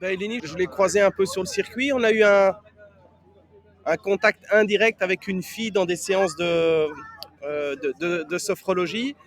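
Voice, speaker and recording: Male podcast co-host, notably high-pitched voice, casual and rambling. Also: normal speed. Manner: rambling, often rephrasing. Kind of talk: casual conversational explanation.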